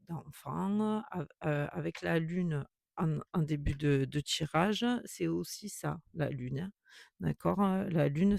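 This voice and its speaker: A man reads tarot cards for an unseen viewer, talking in a reassuring, repetitive way full of hesitations and restarts. His voice sits a little high for a man yet sounds dark and heavily gravelly. The recording is dry and close. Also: dry recording. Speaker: tarot reader. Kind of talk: tarot reading addressed to a viewer.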